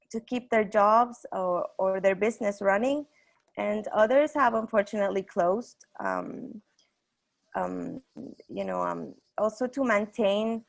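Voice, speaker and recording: Creaky-voiced young woman with a Mexican accent. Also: medium pitch. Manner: hesitant, halting. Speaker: online meeting host. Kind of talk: semi-formal welcome speech.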